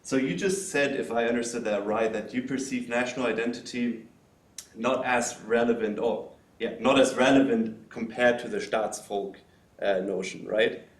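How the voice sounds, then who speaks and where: This is a spoken question from a lecture audience: a man talks loudly at a medium pitch with fairly even intonation, pausing often on "um" and "uh" as he carefully builds a long query. The recording has an echoey, roomy hall quality.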